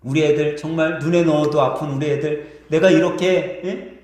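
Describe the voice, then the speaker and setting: Leper father, voiced by a pastor: loud, heartfelt, in a very echoey church hall. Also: a little high, steady tone, normal speed, lightly acted. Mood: yearning. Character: healed leper father eager to hug his kids.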